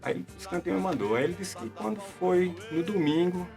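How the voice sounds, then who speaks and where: A man's voice: high voice, animated, a little fast, over music. A middle-aged man telling a long story in casual chat, full of fillers and repeated words. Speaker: debate show guest.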